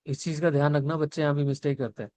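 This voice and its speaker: Speaking very fast in a warm, high-leaning voice with little pitch movement, a young man walks his students through a maths lesson step by step. He asks and answers questions as he works, switching between Hindi and English, with no echo.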